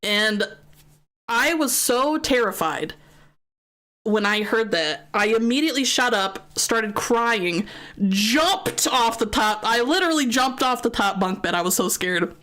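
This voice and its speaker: A woman's voice: fairly high pitch, expressive, measured pace, a bit bright. A young American woman streamer casually telling a long story, chatty, with lots of fillers and swearing. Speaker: gaming streamer.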